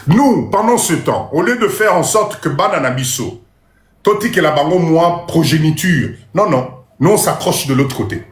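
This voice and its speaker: In a reverberant space, a Congolese-accented man with a fairly high, animated voice speaks at a moderate pace. He delivers an emphatic live-stream monologue, pressing his points insistently and firing off rhetorical questions while switching between French and Lingala.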